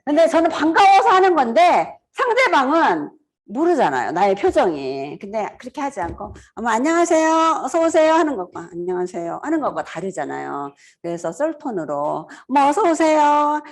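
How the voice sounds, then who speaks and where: A woman in her fifties giving a casual seminar talk, animated and laughing often as she acts out greetings. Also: medium pitch. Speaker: seminar speaker.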